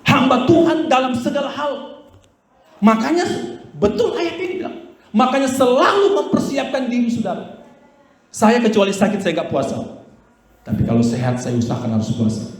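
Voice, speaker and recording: A middle-aged pastor preaching a sermon, telling a story and shouting commands in prayer. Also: male voice, very high voice, sing-song, normal speed, long pauses. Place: church hall. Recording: very echoey church hall.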